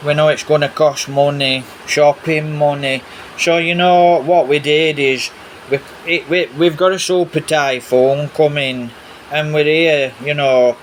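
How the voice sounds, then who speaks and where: A man's voice: on the high side, unhurried. Man rambling through a vlog, noisy background. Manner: rambling, repetitive. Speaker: vlogger. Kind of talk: casual narration over video footage. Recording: steady background noise, rain on roof. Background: rain on a roof.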